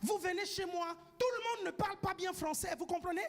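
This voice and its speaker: Very high-voiced man preaching emphatically. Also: a little fast. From grew up outside France. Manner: emphatic, keeps asking the congregation "do you follow?"; bursts into shouting for emphasis. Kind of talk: sermon.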